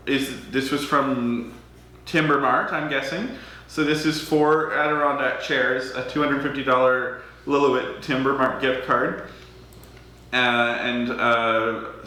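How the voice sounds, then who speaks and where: A man's voice: medium pitch, sharp tone. Chatty man hosting a charity auction, echoey room. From Alberta, Canada. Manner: chatty, self-deprecating, hesitant with many ums. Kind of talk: casual livestream auctioneering.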